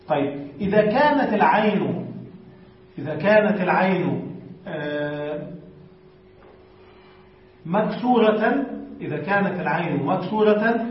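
High-voiced sheikh in an echoey classroom. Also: male voice, slight background noise. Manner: asks the class questions and answers them himself. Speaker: sheikh teaching Arabic morphology. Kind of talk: classroom lesson explaining a text. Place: classroom with students. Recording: distant, muffled, very echoey room recording.

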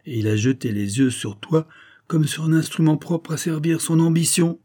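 A man's voice: a little high, animated, normal speed, dark tone, voice pushed up. A man reading aloud plays a cunning disguised adventurer who speaks with sure, commanding knowingness. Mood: urgent, insistent.

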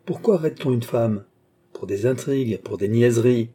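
A man's voice: medium pitch, moderate pace, warm tone, husky. A man reading a wary, pleading young woman. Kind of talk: audiobook character reading.

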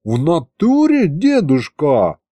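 A man playing a slow, slangy young tough. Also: high voice, huge pitch swings, warm tone, no room sound, voice pushed up, full character voice. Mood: amazed. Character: slangy young man, wide-eyed and blunt.

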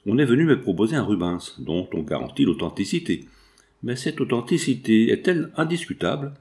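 A man's voice: medium pitch, darkish tone. A man voicing a courteous middle-aged male industrialist and father, speaking in formal, old-fashioned phrases. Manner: formal, courteous nineteenth-century speech.

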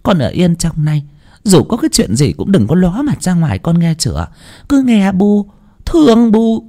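A desperate old village wife wails and begs in a high, strained falsetto. Her voice climbs far above the narration, full of sobbing pleas. It sits in a spoken audio story. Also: wildly swooping pitch, moderate pace, mellow, exaggerated voice. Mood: hushed urging. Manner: wailing, sobbing, begging.

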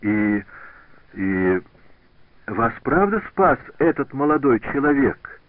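A man's voice: medium pitch, big pitch swings, slow pace, dry recording, voice pushed up. A man voicing a shy, anxious young woman with a hesitant, pleading manner, in a tinny, dry radio recording.

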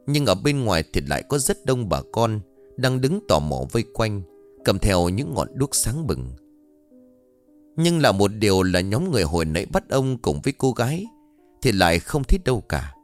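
A man, narrating a story in a dramatic, expressive way. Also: lowish voice.

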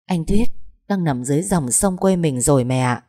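Woman doing a gentle young woman, soft and calm, low voice, mellow tone, storybook. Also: fairly quick, no room sound, studio quality.

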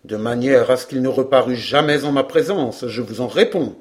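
A man's voice: medium pitch, normal speed, a little mellow, pitched below the performer's own voice, close to an everyday voice. A man voicing a boastful middle-aged knight who mocks ghost stories, in an audiobook reading. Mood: scoffing.

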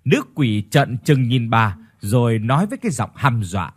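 A man's voice: mid-range voice, big pitch swings, normal speed, slightly rough. A man reading a horror story aloud in a dramatic storytelling manner. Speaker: narrator. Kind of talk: scripted horror narration.

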